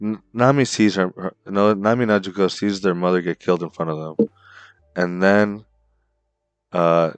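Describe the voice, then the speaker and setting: Podcast co-host, male, deep voice, dry close sound, animated storyteller. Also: moderate pace, clean tone, dry recording. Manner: animated storytelling, retells scenes with quoted lines. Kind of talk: casual chat.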